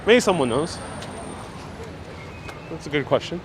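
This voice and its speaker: A slightly high male voice, a little slow but lively in intonation, chats casually through a live walking tour of city streets and politely handles viewers' questions. The mask he wears muffles him a touch, while his clip-on mic records the outdoor stream's street ambience and passing traffic.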